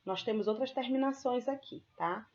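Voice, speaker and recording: A woman's voice: fairly high pitch, normal speed, darkish tone, muffled recording. A woman teacher with a Brazilian Portuguese accent giving a recorded grammar lesson, patiently explaining step by step and checking in with her students as she goes.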